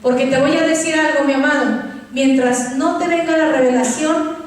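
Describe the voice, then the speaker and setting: High-voiced woman preaching in an echoey hall. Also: fairly even intonation, moderate pace. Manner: fervent preaching, addresses congregation as beloved. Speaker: pastor. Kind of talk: sermon. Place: church. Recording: echoey church hall from far off.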